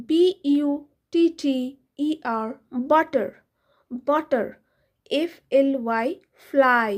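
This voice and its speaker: A woman, a teacher hosting a children's English lesson. She speaks directly to the kids in a friendly way, spelling words letter by letter and repeating them slowly. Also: high voice. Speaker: teacher and channel host.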